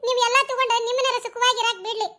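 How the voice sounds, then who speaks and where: A woman voicing several cartoon village women caught in a family quarrel, speaking with a North Karnataka Kannada accent in fast, chattering village talk. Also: little pitch movement. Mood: anxious. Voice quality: very high, bright and shrill. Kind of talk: cartoon dialogue acting.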